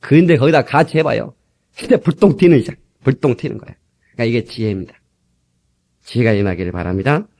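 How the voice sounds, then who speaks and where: A middle-aged man preaching a sermon in a lively storytelling manner, acting out quarrels, from an old cassette tape. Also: medium pitch, fast talker, gravelly. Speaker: pastor.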